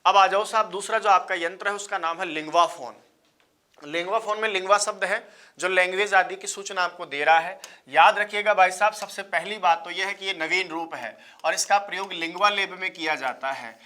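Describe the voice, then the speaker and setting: A man's voice: sits high, normal speed, bright, forceful tone. A man teaching an exam-prep lecture, repeating key points and calling his listeners brother and sir. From India. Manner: repetitive, drilling key points, addresses listeners as bhaiya and sahab.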